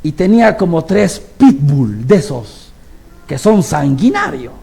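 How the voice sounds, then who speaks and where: Male lay preacher, animated storyteller, high and swooping delivery, acts out quotes, asks the room rhetorical questions. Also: measured pace, gravelly, slightly rough, faint music behind. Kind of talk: sermon.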